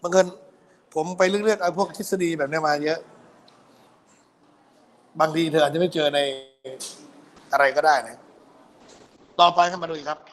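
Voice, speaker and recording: Man, high voice, physics tutor, exam review, keeps asking if students follow. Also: a bit bright. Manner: quizzing students with constant "got it?" checks.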